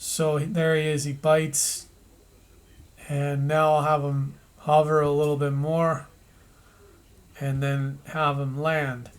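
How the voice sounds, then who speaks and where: A man narrating an animation tutorial, thinking aloud as he works, with pauses and restarts. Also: fairly high pitch, level tone, clean tone.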